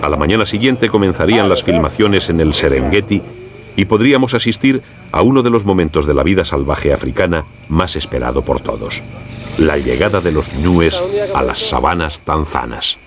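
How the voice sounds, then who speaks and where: A man with a Castilian Spanish accent reads scripted nature documentary narration in a measured, formal storytelling way. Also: low voice, animated, crowd noise. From Spain. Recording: clear background noise with insect ambience.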